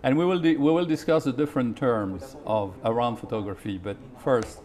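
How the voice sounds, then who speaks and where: A man hosting a formal interview, speaking politely and carefully, with frequent pauses. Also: mid-range voice, a little mellow. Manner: measured and polite, with frequent hesitations.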